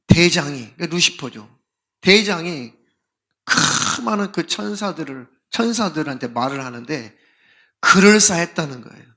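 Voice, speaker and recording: A man's voice: a little high, bright, forceful tone. A male pastor preaching a sermon in an emphatic way, acting out exchanges as he goes. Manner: emphatic, acts out dialogue.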